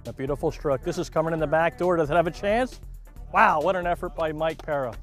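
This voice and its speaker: A man's voice: a little high, fast talker, faint music behind. A man giving live golf commentary, cheering players on with encouraging praise. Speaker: golf commentator and short game instructor.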